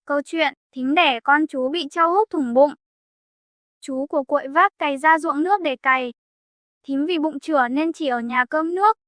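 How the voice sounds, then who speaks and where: A woman narrating a folk tale as a storyteller, voicing the characters in her own steady voice. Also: high-pitched, normal speed, dry recording, clean studio sound.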